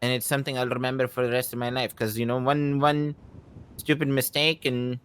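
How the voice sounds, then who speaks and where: A man with a medium-pitched voice talks through things in a game roleplay. His delivery is halting and reflective, padded with repeated filler phrases. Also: level tone, fairly bright tone, clear, resonant tone. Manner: halting, reflective, peppers talk with "you know". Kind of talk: in-character gaming roleplay conversation.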